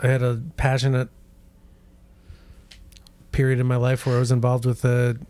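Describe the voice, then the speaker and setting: Rambling, halting comedic man. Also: medium pitch. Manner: rambling, halting, deadpan absurd. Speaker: podcast co-host. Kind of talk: comedic banter.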